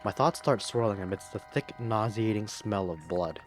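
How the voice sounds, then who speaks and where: A man playing a horror video game, reading the narration aloud in a low-key way with casual comments in between. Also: moderate pace, faint music behind. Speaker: let's play gamer.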